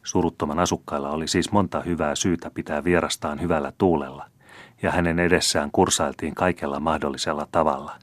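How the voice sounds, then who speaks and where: Deep-voiced male audiobook narrator. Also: no echo. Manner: steady, measured storytelling. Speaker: audiobook reader. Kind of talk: scripted narration.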